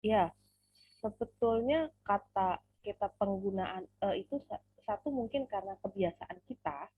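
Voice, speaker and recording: A woman's voice: medium pitch, lively intonation, a little slow, slight background noise. A woman giving a public speaking training, explaining and demonstrating delivery. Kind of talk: online training talk. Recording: phone-like narrow audio.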